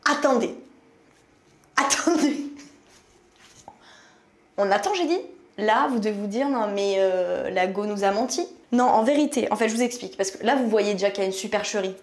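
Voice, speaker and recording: A young woman from France chatting casually to camera in her bathroom at night, slangy and animated with viewers. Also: mid-range voice, fast, hardly any pauses. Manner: chatty, slangy, addresses viewers as "les gars". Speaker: YouTuber.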